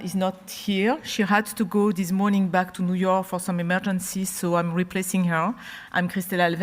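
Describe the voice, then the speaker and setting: A woman giving a formal podium speech as a panel moderator, with a somewhat halting, hesitant delivery. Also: fairly low pitch. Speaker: panel moderator and regional coordinator. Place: large conference hall. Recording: echoey hall with long reverb.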